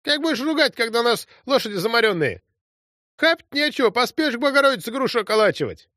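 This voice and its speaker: A man voicing a young male Cossack platoon leader with a high, womanish, crying voice. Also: big pitch swings, fast, bright, forceful tone, no room sound, clean studio sound, exaggerated voice. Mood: wailing complaint. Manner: shrill, pleading.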